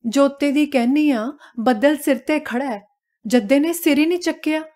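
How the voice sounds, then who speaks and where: A woman's voice: sits high, moderate pace, darkish tone, pitched above the performer's own voice, close to an everyday voice. A woman playing a scolding village wife. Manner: raised, scolding. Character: anxious village wife, sharp-tongued and worried.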